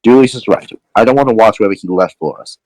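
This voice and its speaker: A man's voice: lowish voice, quick pace, a little mellow, no echo, pitched above the performer's own voice, natural voice, poor audio. A man voicing a blunt, impatient brother who wants things done. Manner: blunt, dismissive.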